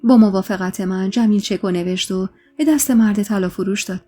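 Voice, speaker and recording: Mellow-voiced woman telling a story. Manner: voices the characters' lines with raised pitch and emotion. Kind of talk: scripted narration of a true-life story.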